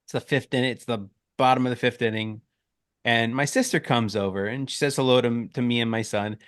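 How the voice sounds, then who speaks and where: Man, 30s, casual podcast co-host, animated storyteller, dry close sound. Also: mid-range voice, a little fast, clean tone, dry recording. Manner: animated storytelling, acting out his own quotes. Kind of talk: casual chat.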